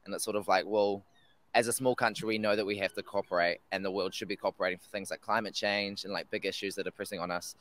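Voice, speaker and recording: A man giving a thoughtful, measured opinion in a street interview. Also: fairly low pitch, fairly even intonation, a bit bright, a little hiss or hum.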